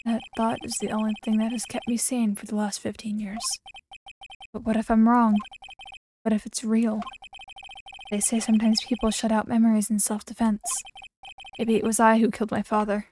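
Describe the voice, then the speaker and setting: A woman's voice: little pitch movement, normal speed, slight background noise, close to an everyday voice. A woman reading a haunted young prosecutor. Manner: quiet, low-key confessional reading. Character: composed young male prosecutor, haunted by guilt. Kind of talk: reading game dialogue aloud.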